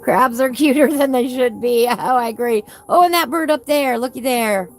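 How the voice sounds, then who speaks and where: A woman's voice: high-pitched, normal speed, faint music behind. A woman chatting casually as a host, with whistling S sounds and a folksy, gushing way of exclaiming. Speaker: host of a coloring book channel. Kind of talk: casual live chat while flipping through a book.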